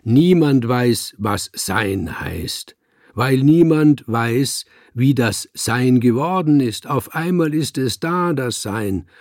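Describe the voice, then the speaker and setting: A gravelly, husky old tomcat read by a man muses slowly about seeing and being. The voice sits a little low and soft, close and dry, with no room around it. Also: dry recording. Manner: musing, philosophical, drawn-out. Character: old wise tomcat in the afterlife. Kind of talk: audiobook reading.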